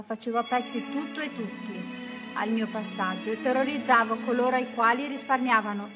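A woman narrating a first-person adventure story in a steady, measured reading voice. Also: fairly high pitch. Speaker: audiobook narrator.

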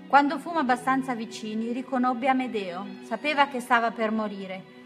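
A woman reads a first-person storybook in a steady, measured way. Her voice sits somewhat high, and soft music plays faintly beneath her. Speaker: audiobook narrator.

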